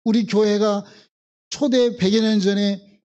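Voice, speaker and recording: A man's voice: sits high, level tone, takes it slowly, mellow, lo-fi sound. A male pastor from the Jeolla region, preaching a sermon and acting out biblical voices with emphatic repetition. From Jeolla, South Korea.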